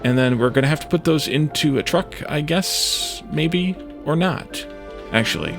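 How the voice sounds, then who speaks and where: Gravelly and on the high side, this man's voice is animated and moves at a moderate pace over music. He's a let's play host, muttering hesitantly through game decisions as he plays.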